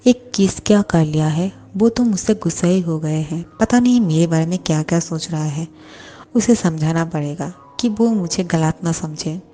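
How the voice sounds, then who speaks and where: A woman's voice: lowish voice, normal speed, warm tone, close to an everyday voice. A woman voicing a lovesick, hot-tempered young male boss who snaps back with indignant questions. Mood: worried.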